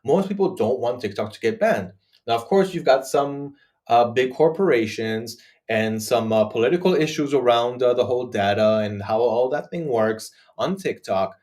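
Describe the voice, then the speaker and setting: A man's voice: medium pitch, expressive, moderate pace, darkish tone. Man, 30s, livestream host, casual chat, lots of uh's, webcam setup in a small room. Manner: chatty, frequent "uh" fillers and restarts. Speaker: livestream host answering viewer questions. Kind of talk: casual live Q&A. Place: small dark room, indoors.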